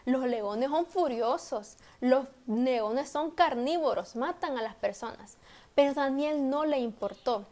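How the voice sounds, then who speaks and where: A high-pitched woman leads a children's Bible class. She tells the story in short, simple phrases for young listeners and often restarts a word or a clause mid-sentence. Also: a little mellow. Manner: slow, simple storytelling for children, with self-corrections. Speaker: Sunday school teacher.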